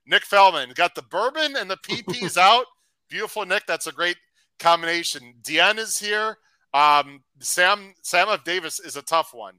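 A man hosting a live racing podcast, chatty and upbeat, reading out shout-outs to viewers. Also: high-pitched, normal speed, smooth, no echo, rough recording. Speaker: podcast host. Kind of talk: casual live-stream chat.

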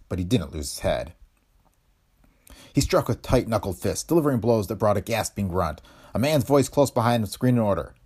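A man narrating a 1930s pulp adventure story in a vivid, expressive reading style. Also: on the low side, slightly rough. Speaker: narrator of pulp fiction podcast. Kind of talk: dramatic audiobook narration.

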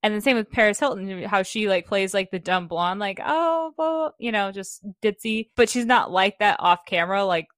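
A laughing, loose-talking woman co-hosts a podcast, jumping between thoughts with plenty of filler and swearing. Her voice sits at a middling pitch and sounds dry and close, with no room around it. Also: a little fast, few pauses, a bit bright, dry recording. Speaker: podcast co-host. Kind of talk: casual chat.

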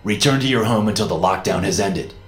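A man's voice: lowish voice, brisk, reverberant, natural voice. A man voicing a stern male security officer who gives clipped, commanding orders.

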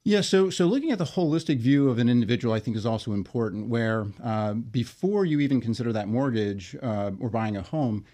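A man being interviewed as a guest, explaining his work in a measured way with frequent fillers and restarts. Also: mid-range voice, lively intonation, dark tone. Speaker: interview guest, financial wellness company leader. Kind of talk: conversational interview.

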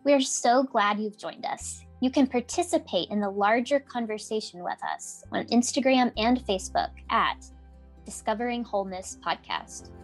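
A woman's voice: on the high side, normal speed, soft background music. A woman podcast co-host reading scripted sponsor and introduction copy.

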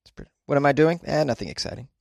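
A man's voice: mid-range voice, lively intonation, racing, vocal fry, a little mellow, no echo, studio quality. A man from Boston hosting a podcast from a small closet, rambling casually with self-deprecating jokes and mild profanity. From Boston, United States. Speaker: podcast host.

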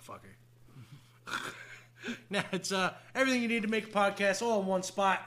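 Male podcast host, high-pitched and bright, casual, teasing, foul-mouthed comic banter. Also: fairly even intonation, moderate pace. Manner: teasing, profane.

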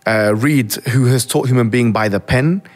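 A young man originally from Egypt speaks earnestly and reflectively as a guest in an interview conversation, frequently restarting his sentences. His mid-range voice moves at a normal speed and is slightly mellow.

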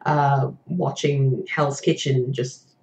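A woman co-hosting a stream with bubbly, quick reactions in casual chat. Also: rumbling low, steady tone, darkish tone, echoey room, muffled recording. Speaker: stream co-host.

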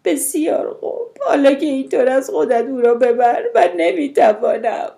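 Brief: a woman playing a desperate young mother in a storybook reading, high and tearful, loud wailing pleas. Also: expressive, creaky. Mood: distraught. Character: grief-stricken young mother, desperate and pleading.

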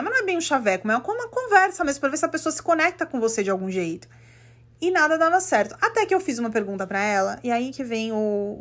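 A woman from Brazil hosting a podcast, telling a story in a casual, animated and indignant way and acting out the quotes. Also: fairly high pitch. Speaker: podcast host. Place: living in the United States.

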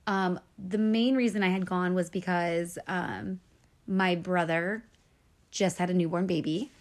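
A woman's voice: lowish voice, fairly even intonation, unhurried. A woman in her thirties co-hosting a podcast, telling candid stories in casual chat. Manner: chatty, candid storytelling with fillers. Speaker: podcast co-host.

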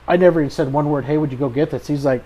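A man's voice: on the high side, rapid-fire, mellow, poor audio. An American man hosting a podcast in a casual chat, with an easygoing, folksy good ol' boy way of talking. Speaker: podcast host.

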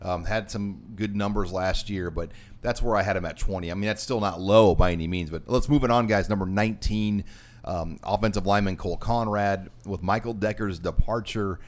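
A man's voice: low voice, brisk. An American man hosting a sports talk show, counting down a ranked list of players in conversation.

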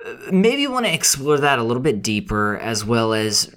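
A man co-hosting a film review podcast, chatting conversationally with some quick bursts. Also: mid-range voice, wildly swooping pitch, a bit bright. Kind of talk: casual podcast chat.

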